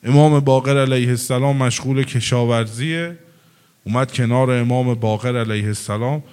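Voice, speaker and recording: A man preaching a sermon and telling a religious story with animated delivery, acting out the characters he quotes. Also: mid-range voice, clean tone.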